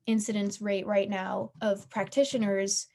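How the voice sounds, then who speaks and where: Woman lecturer, chatty and animated, casual classroom delivery with plenty of fillers, mid-pitched. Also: a little slow, vocal fry.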